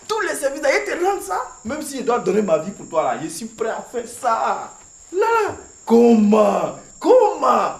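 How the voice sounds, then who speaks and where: A man acting in a comedy sketch, animated and rambling. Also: very high-pitched, unhurried, vocal fry, echoey room, a little hiss or hum.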